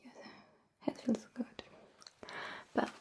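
A woman whispering softly and gently in an ASMR roleplay, caring for someone as a nurse-like caregiver. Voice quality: breathy whisper. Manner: soft, gentle, slow whispering. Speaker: ASMR performer.

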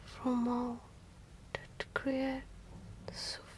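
A woman whispering an ASMR pep talk of positive affirmations in short, repeated phrases with long pauses. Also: fairly high pitch, completely flat delivery. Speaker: ASMR host.

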